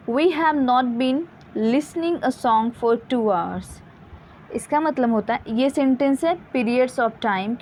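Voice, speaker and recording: A woman's voice: a little high, slight background noise, rough recording. A woman with an Indian accent explaining English grammar, patiently reading example sentences aloud and correcting herself. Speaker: English teacher. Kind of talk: Hindi-language grammar lesson.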